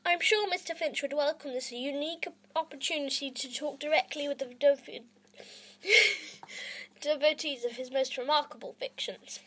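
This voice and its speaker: A woman's voice: sits high, moderate pace, bright, forceful tone. Woman putting on a fawning theatre manager. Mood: eager. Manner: gushing, flowery.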